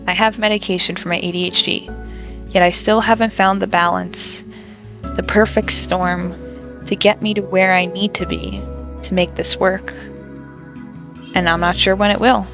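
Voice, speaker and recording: A young woman, a college student, vents in a personal monologue in a low, creaky voice. Her delivery is flat and even, reflective and measured, with frequent pauses. Faint music can be heard in the background.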